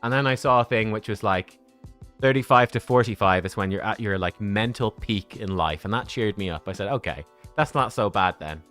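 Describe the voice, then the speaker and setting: A man in his thirties chats casually with viewers during a game livestream, rambling and making jokes at his own expense. His voice is on the low side and a bit bright, he talks at normal speed, and soft music plays in the background.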